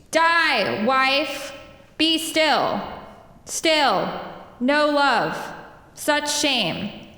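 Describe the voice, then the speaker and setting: At a live event in a performance space, a woman reads her own poems slowly and deliberately, line by line, with soft laughs between them. Her voice is high and bright, and the big hall gives it a long, ringing echo.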